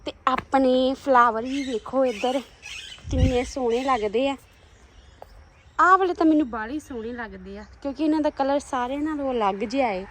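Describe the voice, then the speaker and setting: Woman, casual vlog narration, walking around a rural yard, fairly high-pitched, phone recording with light noise. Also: moderate pace, rough recording. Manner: chatty, shows viewers around. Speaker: vlogger. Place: outdoors at a rural home with garden.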